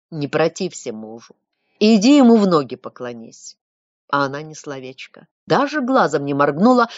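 A woman's voice: on the low side, dry recording. A woman reading an audiobook, voicing a staid middle-aged townsman who tells his tale in a sanctimonious, moralizing way. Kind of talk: audiobook reading of a classic story. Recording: dull lo-fi dry recording.

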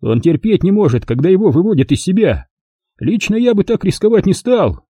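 A man voicing sly, smooth-talking young Robbie. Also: high voice, sing-song, fairly quick, mellow, no room sound, voice pushed up, heavily acted. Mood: sly, coaxing.

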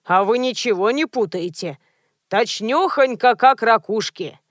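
A woman's voice: a little high, expressive, unhurried, no room sound, clean studio sound. A woman reading aloud and voicing a stubborn old man who grumbles and nitpicks over details. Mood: grumbling. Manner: grumbling and pedantic.

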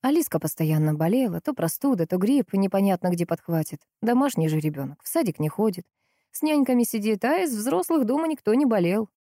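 A woman narrates an audiobook from a script, telling the story in a steady, measured way. Her mid-range voice is captured in clean studio sound with no echo.

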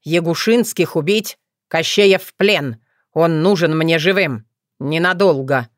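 Woman voicing a sneering male sorcerer, arrogant and cruel, slow taunting lines, lowish voice, dry close sound. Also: no room sound. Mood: mocking.

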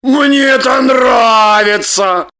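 A woman reading an audiobook, voicing a hot-tempered man who shouts with slow, drawn-out emphasis. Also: mid-range voice, very animated, full character voice. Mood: scornful. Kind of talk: audiobook character voice.

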